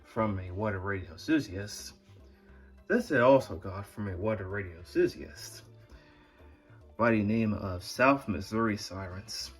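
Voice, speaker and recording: A man with a husky, lowish voice narrates a casual show-and-tell as the host of a hobby video. His delivery is halting and rambling.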